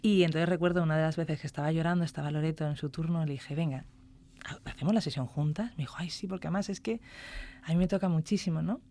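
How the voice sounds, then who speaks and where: A woman's voice: low voice, fast, warm tone, a little hiss or hum. A woman, a music therapist chatting as a podcast guest, telling stories and acting out quoted dialogue. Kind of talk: casual podcast interview.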